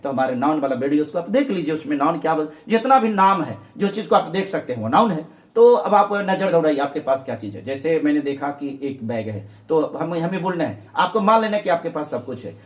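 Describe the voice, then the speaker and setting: A man from India teaching spoken English in Hindi, earnestly urging viewers and drilling phrases by repetition. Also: fairly high pitch.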